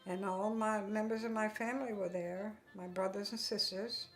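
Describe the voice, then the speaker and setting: An older woman, recounting history in a halting, reflective interview style. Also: medium pitch, fairly even intonation, over loud music. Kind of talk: informal spoken history interview.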